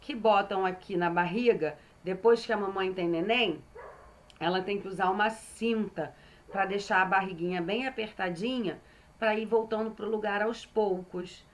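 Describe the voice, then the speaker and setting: A woman with a Brazilian Portuguese accent teaching young children phonics, patiently sounding out syllables and checking in with them. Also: mid-range voice. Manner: slow and patient, sounding out syllables, frequent "certo?" check-ins. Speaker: primary school teacher.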